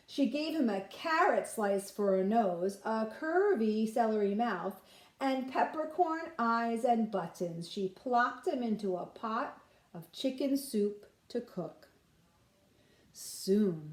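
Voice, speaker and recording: A woman with a fairly high voice reads aloud to young children the way a nursery school teacher would, expressive and explaining things simply. The recording carries the roomy, echoing sound of a large space.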